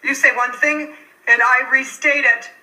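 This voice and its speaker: Anxious sitcom mother, sharp-tongued, very bright voice, roomy distant TV sound. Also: sits high, fairly even intonation, unhurried, exaggerated voice. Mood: robotic mirroring. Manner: fretful, then scolding. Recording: roomy TV audio played from afar.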